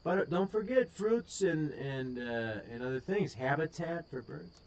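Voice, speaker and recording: A man's voice: fairly high pitch, animated, unhurried, a little mellow, muffled recording. A man with a Wisconsin accent hosting a casual live stream, rambling with plenty of ums and uhs. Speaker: host.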